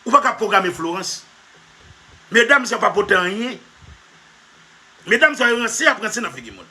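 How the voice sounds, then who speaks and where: A man's voice: high voice, very animated, normal speed, bright, forceful tone. A man giving a comic monologue, emphatic and repetitive, often half-laughing as he talks. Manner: emphatic, repetitive, keeps addressing "monsieur". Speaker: comedy vlogger.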